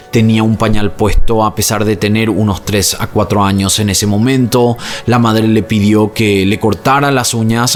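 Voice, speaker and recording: A man reading a scripted documentary narration in a measured, even storytelling manner. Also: on the low side. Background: faint background music.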